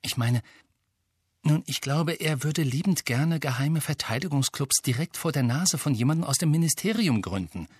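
A man's voice: on the high side, animated, normal speed, husky, dry recording, clean studio sound, pitched above the performer's own voice. A man voicing a worried, thoughtful teenage schoolgirl who picks her words carefully, in an audiobook. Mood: hesitant. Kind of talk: audiobook character voice.

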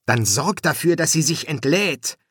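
A curious, commanding young pharaoh, put on by an audiobook narrator. The voice rides higher than the reader's own and swings lively between orders and questions, in a dry close sound. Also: male voice, unhurried, husky, no room sound, heavily acted.

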